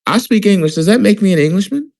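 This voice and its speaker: A man's voice: sits high, expressive, quick pace, vocal fry, darkish tone. A man from Alabama with a Southern American accent, hosting a casual discussion in a conversational, questioning way. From Alabama, US Deep South. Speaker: host.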